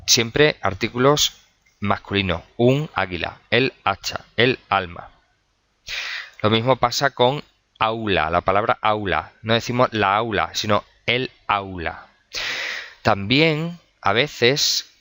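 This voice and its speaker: Low bright-voiced man teaching a lesson. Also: dry recording. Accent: Spanish. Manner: explains slowly with many fillers and examples. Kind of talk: recorded video lesson.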